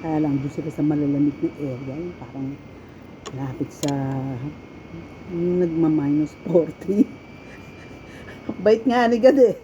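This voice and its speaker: A middle-aged woman from the Philippines telling stories from her life in a casual, animated way, often laughing and acting out quoted lines. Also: low-pitched, measured pace, long pauses. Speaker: storyteller sharing her life. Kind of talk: casual personal storytelling. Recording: dull, lo-fi with faint background noise.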